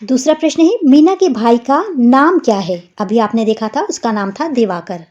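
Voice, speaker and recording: A woman teaching a young children's class lesson, explaining slowly and patiently and spelling out words one by one. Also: fairly high pitch, expressive, darkish tone, lo-fi sound.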